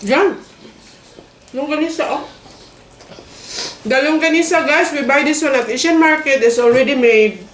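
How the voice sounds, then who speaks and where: A cheerful Filipino-accented woman, a mom who explains each dish and nudges her child to eat. She sits back from the mic in a roomy space, so her slightly high voice sounds distant and echoey. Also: normal speed, long pauses, a little hiss or hum. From Philippines. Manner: cheerful, explains the dishes, gently coaxes her son. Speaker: mother in a family food vlog. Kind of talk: casual mealtime chat on camera. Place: home dining table.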